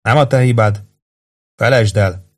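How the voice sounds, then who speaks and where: A man reading an audiobook voices a tough, withdrawn male sergeant who speaks tersely and slowly. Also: on the low side, close to an everyday voice. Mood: weary.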